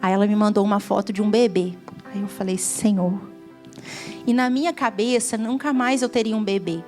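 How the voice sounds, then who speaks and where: A woman's voice: medium pitch, steady tone, moderate pace, darkish tone, faint music behind. A woman from Brazil with a Brazilian Portuguese accent, giving a heartfelt testimony sermon at a church gathering that rises to fervent emphasis. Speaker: guest preacher.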